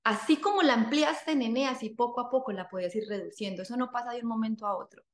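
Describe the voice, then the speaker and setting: A woman's voice: a little high, fast talker. A woman, a guest telling her story in casual conversation, repeating phrases for emphasis. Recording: echoey room.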